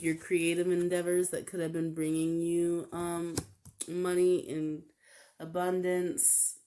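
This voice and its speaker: A woman giving a casual tarot reading, talking in a halting way with many fillers. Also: on the low side, a little mellow. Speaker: tarot reader.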